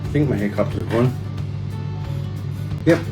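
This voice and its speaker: A man talking casually as a food challenge vlogger, in halting phrases with pauses as he tastes spicy noodles. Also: lowish voice, music in the background. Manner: halting, pausing between phrases while eating spicy noodles. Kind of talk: casual vlog chat while tasting food.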